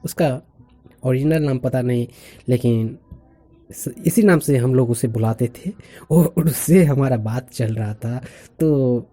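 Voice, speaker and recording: A man's voice: mid-range voice, takes it slowly, mellow. A man talking casually to his viewers, explaining a point with spoken examples and laughing now and then. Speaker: vlogger.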